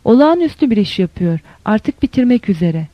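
A woman voicing a calm, patient old male guerrilla who soothes a shouting comrade, in an audiobook reading. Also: mid-range voice, brisk, dry recording, dull audio, close to an everyday voice.

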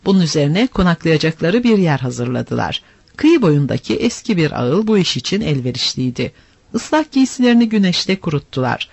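A man narrating an adventure story aloud in an expressive, animated reading style. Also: a little high, a little fast, creaky, breathy edge, no echo. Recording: dry, slightly dull lo-fi.

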